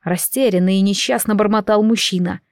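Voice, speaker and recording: Woman narrator, audiobook reading, slow and emotional, dry close sound. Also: mid-range voice, fairly even intonation, darkish tone, no echo. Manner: slow, measured and emotional, voicing all characters.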